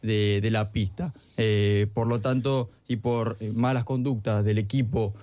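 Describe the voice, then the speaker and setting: A man with a smooth, clear voice gives a sports news update in a dry studio sound. He speaks haltingly, searching for his words. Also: on the low side, steady tone, warm tone, dry recording.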